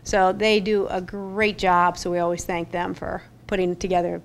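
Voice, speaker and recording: Speaking into a gooseneck microphone at the podium of a council chamber, a middle-aged parks staffer delivers a cheerful, talkative update to a public board meeting, with frequent fillers. Her fairly low voice barely moves in pitch, her pace is moderate, and there's slight hiss or hum.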